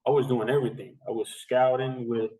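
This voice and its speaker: A little fast and warm in tone, this man's medium-pitched voice shows little pitch movement. He's a Dominican strength and conditioning coach in his thirties, rambling through a casual interview with plenty of fillers and restarts, recorded remotely so it sounds echoey and distant.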